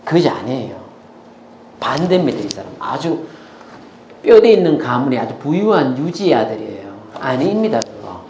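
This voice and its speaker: A male pastor preaching a sermon, animated, often putting questions to the congregation. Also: medium pitch, reverberant, a little hiss or hum. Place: church.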